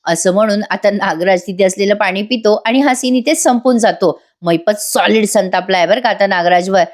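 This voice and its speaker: A woman's voice: medium pitch, moderate pace. A woman narrating a voice-over recap of a TV serial, chatty and speaking straight to her viewers. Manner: chatty, addresses viewers directly.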